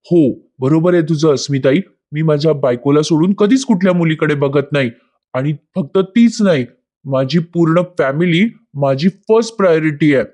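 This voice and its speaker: A woman's voice: low voice, moderate pace, dark tone, close to an everyday voice. Woman reading a troubled, curt young husband. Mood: tense. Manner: clipped, curt when angered.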